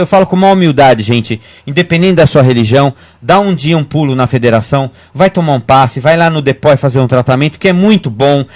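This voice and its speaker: Fast-talking man rambling on web radio. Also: on the high side. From Brazil. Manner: fast, rambling, frequent restarts. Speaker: guest medium. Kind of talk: casual radio talk.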